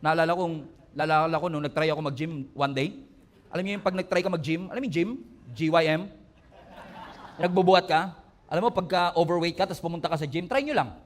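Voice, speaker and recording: A male pastor preaches a sermon in mixed Tagalog and English, his voice a little high and his pace quick. He shifts between humorous storytelling and emphatic, rising appeals that build to strong peaks.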